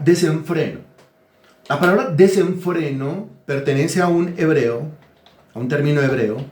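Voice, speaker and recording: This pastor's voice is medium-pitched and a little mellow, with plenty of reverb around it. During his teaching sermon, he questions his listeners and tells them which words to write down.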